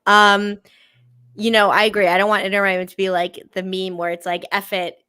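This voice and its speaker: A woman's voice: mid-range voice, little pitch movement, a little fast, pushed and bright, clean tone, no room sound. A woman, hosting a casual live sports stream, upbeat and chatty, full of "you know" and "like". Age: 20s. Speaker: sports show host.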